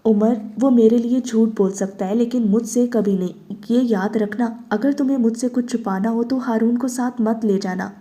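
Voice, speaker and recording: Woman reading a steady, worn-out young heroine, calm and firm, mellow tone. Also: fairly high pitch, hardly any pauses, natural voice. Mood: calm resolve. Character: composed weary young woman seeking therapy.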